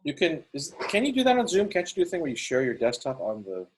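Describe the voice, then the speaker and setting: A man with a husky voice chatting casually with friends on a video call. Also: fairly high pitch, wildly swooping pitch, fast talker, rough recording. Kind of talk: casual group video chat. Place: indoors on a computer video call.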